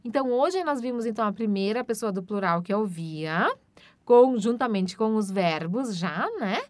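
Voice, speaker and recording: A woman from Brazil teaching German online, saying model sentences slowly and loudly, then explaining them in a chatty way. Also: mid-range voice, expressive, no room sound. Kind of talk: online language lesson.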